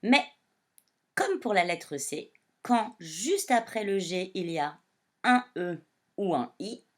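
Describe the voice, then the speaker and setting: A woman primary school teacher giving a reading lesson to young children, speaking slowly and clearly as she addresses them. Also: mid-range voice, big pitch swings.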